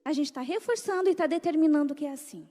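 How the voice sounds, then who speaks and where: High, mellow-voiced woman preaching in a hall. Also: quick pace. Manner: animated, rhetorical questions to the audience. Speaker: speaker at a church gathering.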